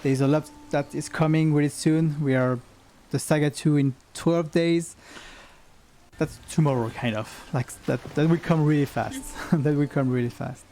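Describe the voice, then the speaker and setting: A man's voice: a little high, moderate pace, warm tone, slight background noise. A man co-hosting a live game community stream, chatting casually, chuckling and reading viewer comments aloud.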